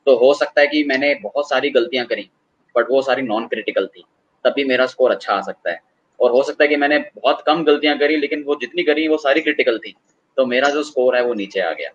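Guy explaining stuff in an interview, lots of uh pauses, kinda muffled audio. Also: mid-range voice. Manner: hesitant, many filler pauses. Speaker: guest expert.

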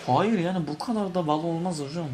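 A young man giving excited commentary on a game he is playing, shouting and cursing at it through a cheap desk microphone. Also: a little high, brisk, noisy background. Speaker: gaming YouTuber. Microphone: cheap desk microphone on a laptop. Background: game music.

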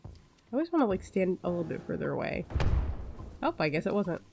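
A woman's voice: lowish voice, very animated, a little fast, creaky, dark tone. A woman hosting a let's play, chatting casually and self-mockingly while she plays and does voices for the characters. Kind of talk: casual gameplay commentary.

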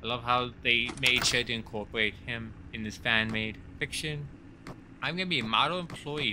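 Excitable man narrating a horror game. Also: mid-range voice, noisy background. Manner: excitable, swears when startled, talks to the game characters. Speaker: let's play host. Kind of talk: horror gameplay commentary.

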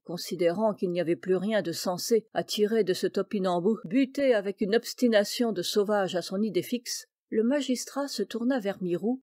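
A woman narrating an audiobook in a measured, expressive way. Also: medium pitch, no room sound, studio quality.

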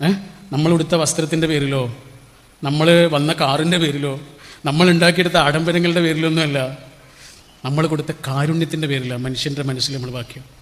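A middle-aged man gives an inspirational speech in a fairly high voice. He tells stories and throws rhetorical questions to the crowd. A long reverb trails after his words in the hall. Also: fairly even intonation, fast. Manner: storytelling, rhetorical questions to the audience. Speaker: motivational speaker.

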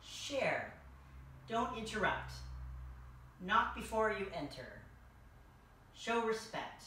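Very animated and slow, with a pushed, bright medium-pitched voice, the young adult in a king costume reads a picture book aloud to children at story time. A distant camera microphone in a large furnished indoor room picks up echo and faint noise.

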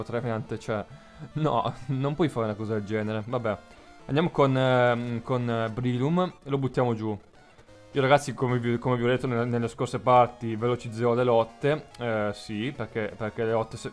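A young man in the middle of a let's-play session, chatting casually and reacting aloud as he goes. His voice sits at an ordinary mid pitch, and soft background music plays faintly behind him. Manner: chatty, exclaiming, talks to viewers as "ragazzi". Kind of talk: casual gameplay commentary.

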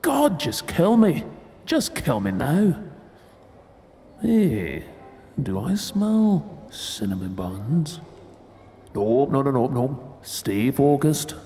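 Grumbling boyfriend with animated pitch played by a man. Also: extremely slow, pauses often, slight background noise. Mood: exasperated. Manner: exasperated, wry. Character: grumbling, reluctant young boyfriend dragged along shopping. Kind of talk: boyfriend audio role-play.

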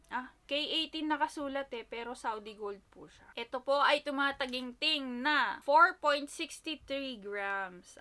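Bright-voiced woman vlogger, chatty. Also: medium pitch. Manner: chatty and emotional, voice softening to near-whisper asides. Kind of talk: casual unboxing chat. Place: home in Japan. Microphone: phone camera.

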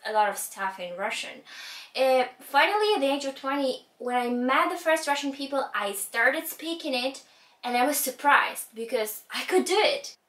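In a scripted piece to camera, a young woman in her twenties with a Ukrainian accent discusses language learning and uses lively hand gestures. She is filmed indoors in front of a rug backdrop. Her voice is fairly high and a bit bright, sitting far from the mic with a roomy echo.

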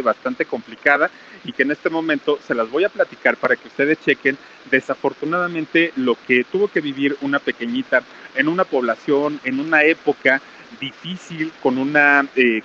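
A man's voice: mid-range voice, pushed and bright, muffled recording, slight background noise. A man hosting a live stream outdoors under a small roof in heavy rain, reading out viewer greetings in a raised, casual voice. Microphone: camera mic with crew nearby.

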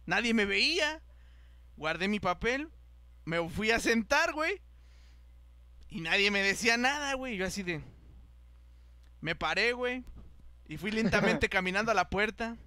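Young mexican guy, high bright voice, animated storytelling w slang, dry close sound. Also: a little slow, long pauses, dry recording. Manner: animated, acts out the voices of people in his story, heavy slang. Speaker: podcast host. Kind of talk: casual storytelling chat.

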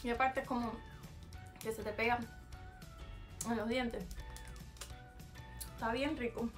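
A young adult vlogger from Cuba does a casual taste test, talking to a camera at desk distance in a small bedroom while soft music plays faintly underneath. Her chatty Cuban Spanish sits slightly high in her range, slow and fairly even, with English words dropped in here and there.

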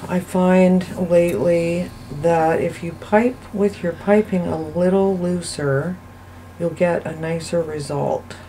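A woman hosting a soap-making channel, giving a casual, chatty voice-over that rambles and thinks out loud as she goes. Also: fairly low pitch, a little hiss or hum, rough recording. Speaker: soap maker and channel host. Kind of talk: casual voice-over narration of a craft video.

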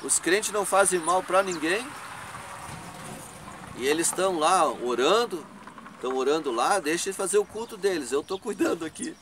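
A man voicing a sturdy, gruff old man who guards a church. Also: sits high, lively intonation, normal speed, fairly bright tone, a little hiss or hum, pitched above the performer's own voice. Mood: gruff, protective. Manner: blunt, protective.

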